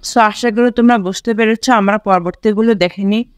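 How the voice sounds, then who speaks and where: Measured tutor reading a school lesson. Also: mid-range voice, steady tone, clean tone, dry recording, studio quality. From Bangladesh. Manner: starts sentences with English "so", spells out pronunciations slowly and repeats words. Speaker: online tutor for school students. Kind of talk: reading a textbook lesson aloud.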